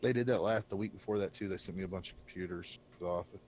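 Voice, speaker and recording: A man's voice: deep voice, racing, a little mellow, a little hiss or hum. A man chatting bluntly and rambling on a gaming stream, talking with a cigarette in his mouth. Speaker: game server co-host. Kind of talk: casual gaming stream chat. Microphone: desk microphone by keyboard.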